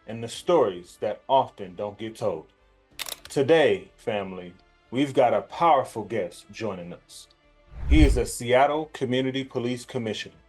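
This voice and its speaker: A man hosting an interview show, opening with a scripted introduction and then asking relaxed questions. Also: mid-range voice. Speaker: show host.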